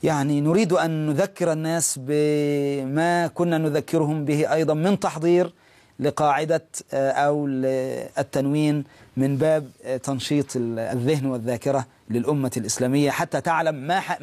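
A man hosting a Quran lesson, preaching fervently and repeating phrases for emphasis, with a husky voice. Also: a little high, darkish tone, no room sound. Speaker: host of a Quran teaching program. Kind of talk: preaching exhortation.

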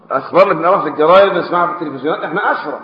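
Fast-talking Egyptian preacher in an echoey hall. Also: male voice, a little high. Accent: Egyptian Arabic. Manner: switches between loud emphatic stresses and quiet asides, asks the audience questions. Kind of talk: religious lesson explaining classical texts. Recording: echoey hall, dull lo-fi sound.

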